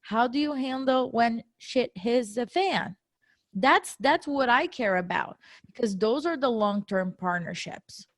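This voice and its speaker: Speaking a little slowly in a fairly high voice, a woman with a non-native English accent co-hosts a casual podcast. She's animated, laughs often, and makes self-deprecating jokes about her grammar. No room sound is audible.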